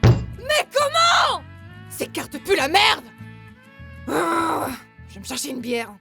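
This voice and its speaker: A woman playing a brash, loud, foul-mouthed, hot-tempered woman in a cartoon. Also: high voice, sing-song, moderate pace, faint music behind, exaggerated voice. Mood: exasperated. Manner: loud, exclamatory, swearing. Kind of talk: animated cartoon dialogue.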